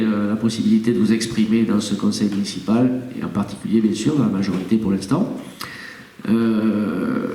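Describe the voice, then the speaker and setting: A man chairing a council meeting, his low, gravelly voice coming from some distance across an echoing council chamber. He speaks hesitantly, with many filler pauses, in a dark, mellow tone. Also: a little hiss or hum. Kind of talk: formal council address and read-out charter. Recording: echoey hall, voice far from the mic.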